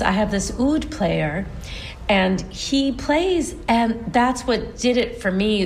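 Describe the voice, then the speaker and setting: A stage performer from the US in her forties is interviewed casually, earnestly telling her family story with many restarts. Her medium-pitched voice is creaky, with slight background noise.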